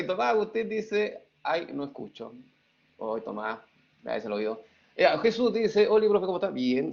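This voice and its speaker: A man's voice: fairly high pitch, vocal fry. A middle-aged man, teaching an online class, reading students' chat messages aloud in a playful way and then lecturing. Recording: dull lo-fi sound.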